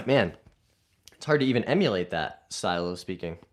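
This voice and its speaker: A man's voice: sits low, lively intonation, brisk. A man hosting a golf live stream, casually reading viewer comments aloud and answering them in an upbeat way.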